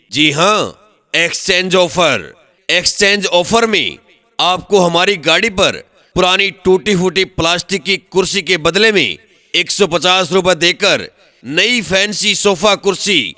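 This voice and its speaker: A man's voice: high voice, bright, forceful tone, no room sound. A man announcing a street vendor's offer in a sing-song hawker's call, repeating slogans again and again. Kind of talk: recorded loudspeaker sales pitch.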